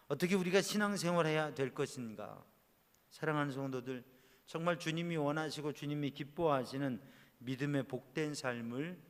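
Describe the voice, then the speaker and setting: A man preaching at a church prayer service, asking the congregation rhetorical questions, his voice rising on key words and then falling low. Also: a bit bright. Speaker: pastor. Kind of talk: sermon. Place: church sanctuary. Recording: long hall reverb.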